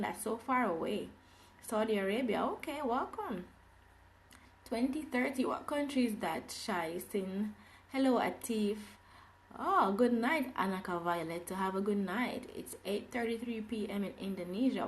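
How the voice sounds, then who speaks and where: A woman's voice: mid-range voice, slight background noise. A woman from Jamaica teaching English on a live phone stream, cheerfully greeting viewers and repeating her welcomes.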